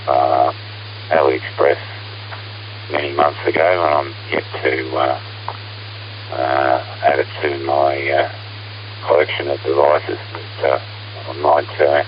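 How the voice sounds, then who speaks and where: A man from Australia on an amateur radio contact, talking in an unhurried, hesitant way with many fillers, heard over a fading shortwave signal. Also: very deep voice. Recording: noisy, muffled radio receiver.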